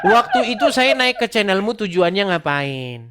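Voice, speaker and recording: A man's voice: sits high, sing-song, moderate pace, fairly bright tone, smooth. A man hosting a heated online debate, insistently repeating pointed questions. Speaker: host of the debate room.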